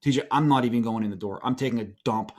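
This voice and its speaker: A man's voice: medium pitch, very fast, darkish tone. A middle-aged man with a Pittsburgh accent, co-hosting a podcast and telling a long self-deprecating story in a rambling, casual way. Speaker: podcast co-host.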